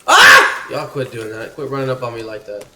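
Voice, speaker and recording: A man's voice: medium pitch, steady tone, fast talker, recorded from a distance. A man streaming live gameplay commentary, who chats to his in-game companion and yelps and swears at sudden scares. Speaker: gaming streamer. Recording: echoey room, off-mic, noisy.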